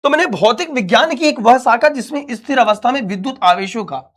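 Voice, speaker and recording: A man's voice: very high voice, lively intonation, fairly quick, a bit bright. A young man, teaching an online physics class in a chatty, reassuring way and calling the students his dear children.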